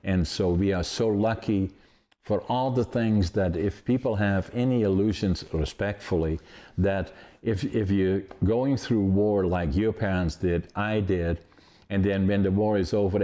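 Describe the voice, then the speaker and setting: An octogenarian podcast host from the Netherlands's northeastern Groningen province, raised speaking its Dutch dialect, talks with a low, dark voice at a moderate pace. His Dutch accent carries a chatty interview full of rambling, emphatic, cheerful storytelling.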